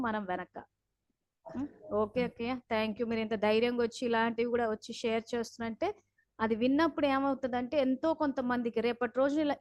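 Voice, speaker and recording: A high-pitched woman leads a spiritual class over a video call. She speaks in an earnest, instructive way as she recounts heated phone calls. The sound is close and dry, with no room echo.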